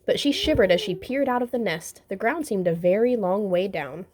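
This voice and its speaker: A woman reading a children's picture book aloud, gentle and expressive. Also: mid-range voice, moderate pace. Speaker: storybook reader. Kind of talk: children's story read-aloud.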